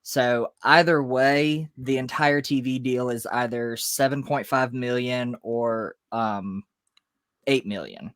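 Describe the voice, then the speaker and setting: A man's voice: medium pitch, takes it slowly, a bit bright, clear, resonant tone, dry recording, studio quality. A man co-hosting a casual sports podcast, explaining news step by step with frequent ums. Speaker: podcast co-host.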